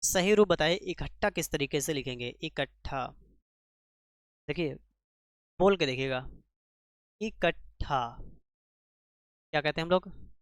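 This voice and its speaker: A man's voice: fairly high pitch, measured pace, pauses often, clear, resonant tone, no room sound, clean studio sound. A man teaching a spelling lesson for exam preparation, quizzing the class with rhetorical questions and repeating each answer. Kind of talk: exam-prep grammar lesson.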